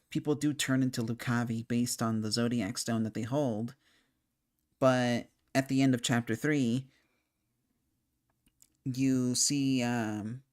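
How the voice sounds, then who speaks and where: A young man chatting casually about a video game, thinking out loud as he goes. He rambles, trails off and restarts his sentences, with a hiccup slipping in here and there. His voice sits at an everyday middle pitch for a man. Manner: rambling, frequent fillers and restarts, thinking aloud. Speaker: game commentator. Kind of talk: casual spoken game discussion.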